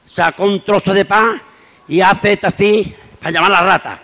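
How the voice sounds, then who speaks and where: A man telling jokes on stage as a comedian, animated, acting out his characters' voices. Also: high voice, normal speed, a little hiss or hum. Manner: lively storytelling, acts out characters' voices. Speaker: stand-up comedian. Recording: long hall reverb.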